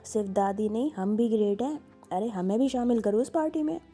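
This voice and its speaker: A woman's voice: fairly high pitch, fairly quick, dark tone, soft background music, natural voice. A woman voicing a playful young woman who talks in a mock-complaining way, in a storybook reading.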